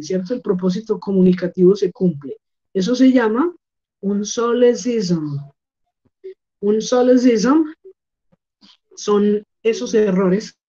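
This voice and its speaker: A woman teaching English online in Spanish, explaining slowly and repeating words for pronunciation, with a Colombian accent. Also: medium pitch, warm tone, highs cut off. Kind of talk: online class lesson.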